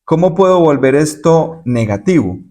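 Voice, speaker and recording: A male English teacher, his voice sitting a little high for a man. He walks through each point step by step and repeats the English examples slowly with clear stress. It sounds like a recorded video lesson. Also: animated, dark tone.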